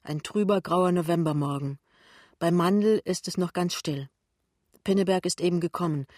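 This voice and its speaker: Man, literary reading, steady narration, plain delivery, dry sound. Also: sits high, moderate pace, no room sound. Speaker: reader.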